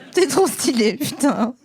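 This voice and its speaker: Young woman podcast host, playful, swears a lot, bit high voice. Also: big pitch swings, takes it slowly, a little mellow, husky. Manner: playful, swears often, theatrical. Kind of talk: casual chat.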